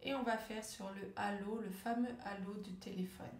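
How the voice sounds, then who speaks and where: A woman from France coaching people who stutter, guiding calm breathing and word-stretching exercises in a slow, drawn-out way. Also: mid-range voice. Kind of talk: guided speech exercise lesson. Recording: echoey room, voice a bit off-mic.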